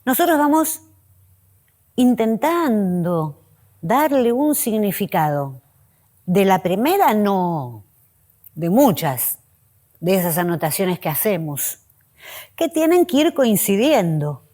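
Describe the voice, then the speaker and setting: A woman hosting a reflective spiritual talk, speaking in pausing, list-like phrases that often drop softly in pitch. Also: very animated. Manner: slow, pausing, list-like delivery with soft drops in pitch. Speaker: host.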